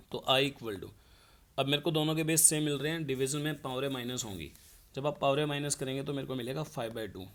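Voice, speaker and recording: A man teaching a math lesson. He explains each step and asks the class questions, then answers them himself. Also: medium pitch.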